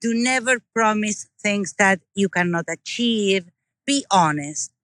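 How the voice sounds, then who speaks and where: A warm, earnest Argentine-accented business owner talks enthusiastically as a casual interview guest. Her mid-range voice is expressive and a little slow, captured in clean studio sound with no room sound.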